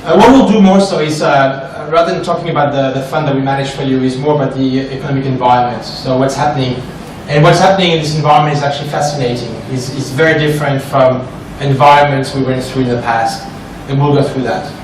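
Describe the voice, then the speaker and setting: Speaking quickly with hardly any pauses, a French investment specialist gives an animated seminar presentation in a large, echoey room, regularly asking his audience questions and tossing in "right?". His pitch is medium, and the recording, captured from far off, carries slight background noise.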